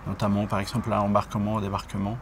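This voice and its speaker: A man from Mexico, an operations manager explaining his work in a measured way with frequent fillers. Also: fairly low pitch, completely flat delivery, background noise. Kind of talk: workplace interview. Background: background music.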